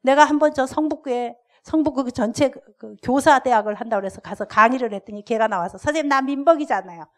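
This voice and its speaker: Older lady preaching, high voice, tells stories and does the voices. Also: fast, few pauses. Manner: animated storyteller acting out dialogue. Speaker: guest lecturer. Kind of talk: sermon with storytelling.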